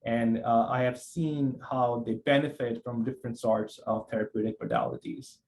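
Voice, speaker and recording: A man's voice: mid-range voice, steady tone, moderate pace, a little mellow, a little hiss or hum, low-quality recording. Thoughtful man from Pakistan, hesitant. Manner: thoughtful, many restarts and fillers. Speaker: psychiatrist guest. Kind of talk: conversational interview.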